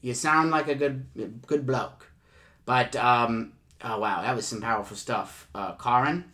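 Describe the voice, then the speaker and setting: A man hosting a comedy show in improvised chat, talking in a rambling, halting and effusive way. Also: medium pitch, bright, forceful tone.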